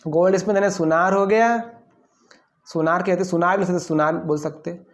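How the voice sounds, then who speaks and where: A male English teacher giving a class lesson. He poses each question and answers it himself, with playful asides between the words. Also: sits high. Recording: dull lo-fi recording.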